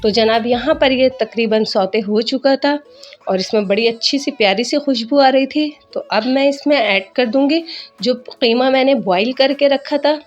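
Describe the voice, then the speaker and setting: A woman's voice: a little high, normal speed. A woman narrating her cooking vlog in a chatty voice-over, explaining each step to viewers, her throat a little sore. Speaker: cooking vlogger. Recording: dull lo-fi voice-over with soft music.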